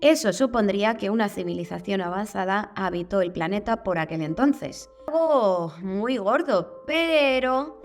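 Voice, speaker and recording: A woman with a Spain Spanish accent hosts a video, narrating casually with curious, wry asides. Her voice sits in a middle pitch range and stays conversational. Faint background music runs under her talk. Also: expressive, moderate pace. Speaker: channel host.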